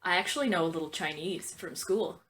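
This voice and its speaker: A woman's voice: lowish voice, a little fast, a crowd in the background. A young woman from Texas co-hosting a podcast in casual chat, giggling and swearing freely. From Texas, USA. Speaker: podcast co-host. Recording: faint background noise with clicks.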